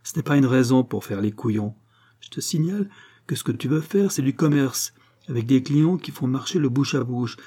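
A man voicing a grumbling middle-aged farmer who speaks gruffly and sounds resigned. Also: medium pitch, dark tone, close to an everyday voice. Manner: gruff, quarrelsome.

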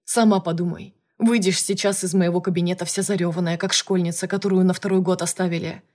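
A woman's voice: fairly low pitch, fairly even intonation, fast, a little mellow, lightly acted. A brusque male director who barks orders and jabs with sarcasm , as a woman narrator puts him on. His lines come clipped and commanding, read as part of an audiobook. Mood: subdued. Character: brusque male boss, gruff and jealous. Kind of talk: audiobook character reading.

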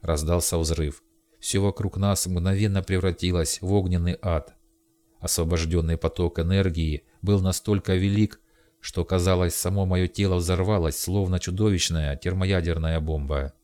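A man narrating an audiobook in the first person with steady storytelling. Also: sits low, moderate pace.

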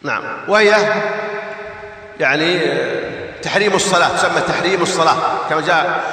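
Sheikh teaching in an echoing hall. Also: male voice, high-pitched, fairly quick, bright, forceful tone. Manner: explains patiently, demonstrates chanted takbir. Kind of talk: religious lesson commentary. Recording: echoey hall, voice from far off.

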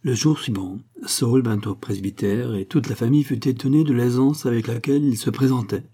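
A man reading a classic novel aloud as an audiobook narrator, in a measured way. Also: medium pitch, dark tone, breathy edge. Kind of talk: scripted narration.

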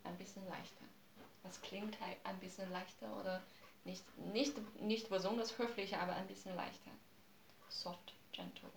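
Patient woman teacher, middle pitch, repeats each phrase, roomy classroom sound. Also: fairly even intonation, normal speed, vocal fry, a little hiss or hum. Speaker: language teacher. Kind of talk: classroom language lesson.

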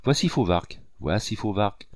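A man's voice: lowish voice, lively intonation, moderate pace, dry recording, clean studio sound. A man reading aloud and voicing an agitated, impulsive young married woman with exclamatory lines. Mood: excited.

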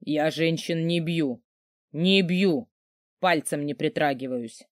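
A man narrating a novel in first person, sardonic and gruff. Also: fairly high pitch, slow pace, no room sound, clean studio sound. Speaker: audiobook narrator.

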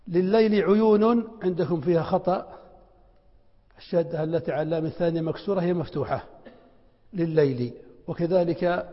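A middle-aged man teaching a classroom lesson on spelling, asking students questions and then answering them himself. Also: sits high. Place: lecture hall with students. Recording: dull lo-fi recording with long hall reverb.

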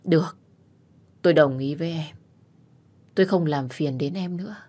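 A woman's voice: low voice, moderate pace, dark tone. Woman reading a resigned young man. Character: defeated young man giving in quietly.

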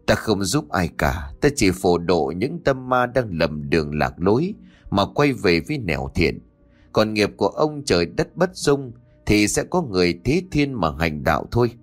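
A man voicing a calm, stern middle-aged male exorcist monk who speaks in a slow, solemn, measured way. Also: on the low side, faint music behind.

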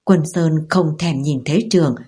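A woman's voice: deep voice, unhurried, dark tone, slightly rough. A woman narrating a dramatic story in the first person and voicing the dialogue of each character.

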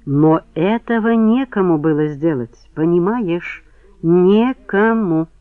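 A man's voice: high-pitched, lively intonation, normal speed, no echo. A man reading as a snappish, defensive suspect. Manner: irritable, snapping. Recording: tinny phone-like band, dry.

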